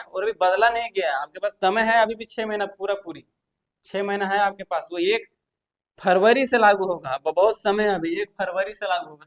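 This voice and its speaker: A man, a tech YouTuber, explaining things to viewers in a chatty, reassuring way, often repeating points and restarting sentences. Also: high voice.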